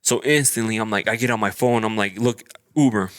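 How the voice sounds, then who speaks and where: A man's voice: fairly low pitch, fairly quick, fairly bright tone, no echo, studio quality. A man, a podcast co-host, telling a story in casual chat and acting out quotes in a raised voice.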